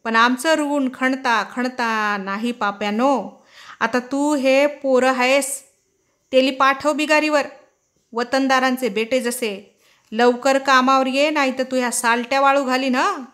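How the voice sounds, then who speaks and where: A woman voicing a harsh, abusive male village moneylender who shouts in rough rustic dialect. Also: high voice, steady tone, measured pace.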